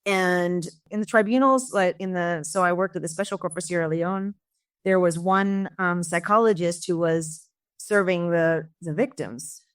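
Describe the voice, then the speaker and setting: Low-voiced, candid middle-aged woman. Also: normal speed, clear, resonant tone, no room sound, clean studio sound. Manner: candid, reflective, restarts phrases, wry laughs. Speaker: former international prosecutor. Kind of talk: interview answers.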